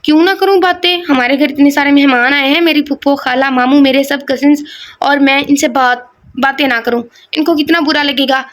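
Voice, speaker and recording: A woman's voice: sits high, fairly even intonation, natural voice. A woman voicing a talkative, innocent young woman in an audio novel. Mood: chatty. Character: chatty naive young woman.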